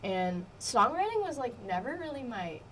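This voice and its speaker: A woman's voice: a little high, sing-song, moderate pace, fairly bright tone. Young woman guest, chatty and giggly, slight noise behind. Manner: giggly, rambling, many fillers. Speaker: musician guest. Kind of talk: casual interview chat. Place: college radio studio. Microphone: studio microphone.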